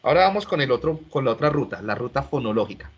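Man, lecturer, husky, asks questions, lo-fi call audio. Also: medium pitch, lively intonation, fast. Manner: explanatory, asks students questions, frequent restarts. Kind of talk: online class lecture. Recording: dull lo-fi audio.

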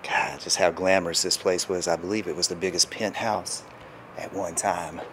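Awed low-voiced man touring. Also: steady tone, normal speed, a little hiss or hum. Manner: awed, hushed, thinking aloud. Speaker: travel vlogger. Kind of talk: walking tour narration. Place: empty hotel suite, indoors.

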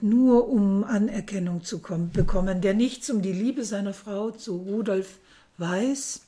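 Woman doing a book review, slow and soft, warm low tone, some um-ing. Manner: soft, thoughtful, with occasional hesitation fillers. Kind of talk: book review with read-aloud passage.

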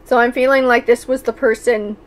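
Gentle-voiced woman reading tarot cards. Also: fairly high pitch, fairly even intonation, a little fast. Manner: thoughtful, with many fillers and restarts. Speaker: tarot reader.

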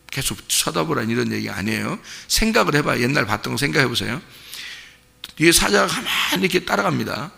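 A middle-aged man preaches a dawn service sermon with a bright, forceful, gravelly voice. He tells vivid stories and keeps asking the congregation questions. His voice rings out with the long reverb of a church sanctuary. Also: medium pitch. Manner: animated, vivid storytelling with direct questions to the congregation. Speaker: pastor.

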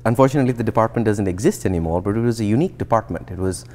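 Racing along in a lowish voice, a thirties-aged researcher from India explains his path during a relaxed, reflective interview. He restarts sentences often and leans on fillers. He's miked with a lapel microphone in a glass atrium dotted with plants.

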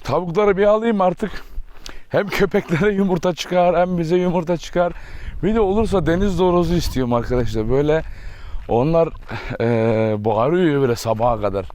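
A man's voice: on the high side, moderate pace, a little mellow. Chatty man vlogging from his farm. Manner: chatty, talks to his dogs in a doting baby voice. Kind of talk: casual vlog talk to viewers. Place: outdoors on a farm. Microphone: camera mic, filming alone without a tripod.

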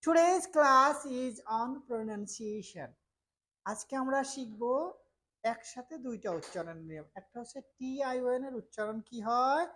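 High-voiced woman drilling a class. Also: expressive, slow pace, poor audio. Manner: leads call-and-response, loud and emphatic. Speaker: English teacher. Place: classroom with students.

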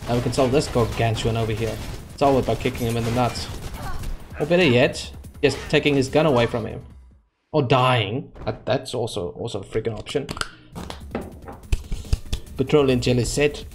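A man's voice: medium pitch, moderate pace, soft background music. A young man giving let's-play commentary, frustrated and sarcastic, talking back at the characters on screen. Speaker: gaming channel host. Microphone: desk microphone.

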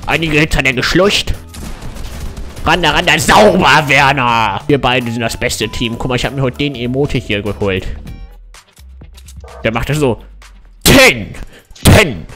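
A man playing an old war veteran grandpa who chats fondly and excitedly while gaming, with old-fashioned endearments. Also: mid-range voice, unhurried, long pauses, soft background music. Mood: excited, urging. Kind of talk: in-character prank chat while gaming.

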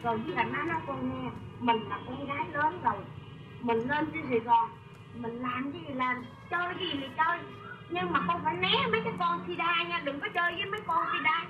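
A woman doing a high, fussing Southern country mother. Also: quick pace, over music, natural voice. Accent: Southern Vietnamese. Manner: nagging, sentimental, exclaims constantly. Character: fussy, doting middle-aged countryside mother and wife. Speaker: comic actor. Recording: distant, muffled, noisy rural recording.

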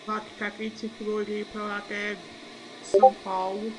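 A man's voice: sits high, completely flat delivery, unhurried, background noise. A man with a Brazilian accent giving casual commentary as host of a flight simulator video.

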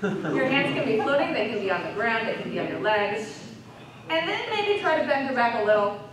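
A woman leading a live yoga class at a convention, calmly cueing each step of the poses over a microphone. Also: on the high side, brisk, crowd noise. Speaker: yoga instructor. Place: large convention hall. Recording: echoey hall, distant mic.

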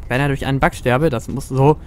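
A man's voice: medium pitch, fairly even intonation, a little fast, a little hiss or hum. A man with a German accent giving casual, joking commentary while streaming a game, chatting with viewers and swearing freely. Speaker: gaming streamer. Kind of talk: casual let's-play commentary.

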